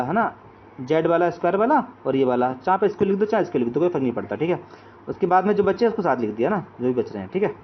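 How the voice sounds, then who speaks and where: A man teaching math, explaining each step and checking in with his students. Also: sits high. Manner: repeats check-in phrases like "okay friends". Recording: dull lo-fi audio with faint hiss.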